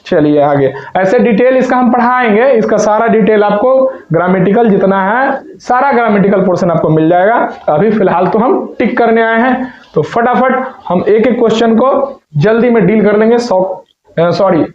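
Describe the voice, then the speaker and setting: A man's voice: high voice, normal speed. A male teacher walking students through an exam paper, asking questions and answering them himself, speaking affectionately to his pupils. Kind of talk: exam paper walkthrough lesson. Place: filmed room with a camera operator. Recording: echoey room, slightly dull sound.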